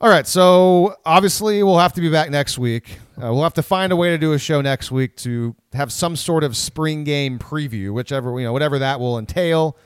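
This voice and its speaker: A man's voice: on the high side, normal speed, hardly any pauses, clean tone, no echo, clean studio sound. A man co-hosting a casual sports podcast, rambling with frequent restarts. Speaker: podcast co-host.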